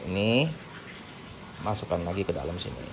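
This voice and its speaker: Narrating a relaxed hands-on tutorial step by step as he works, this male host speaks at normal speed in a low voice with lively intonation. Background noise is clearly audible.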